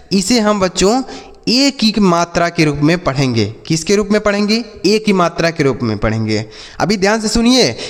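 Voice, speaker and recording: A man teaching English phonics to a class, spelling words out slowly and asking the class questions that he answers himself. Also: high voice, long reverb tail. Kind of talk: classroom lesson.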